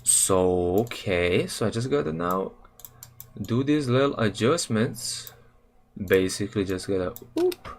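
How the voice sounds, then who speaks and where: Building a game level live on stream, this young man from Serbia chats in an easygoing, slangy ramble, correcting himself and using plenty of fillers. He speaks on the low side at a measured pace as keyboard and mouse clicks sound behind him.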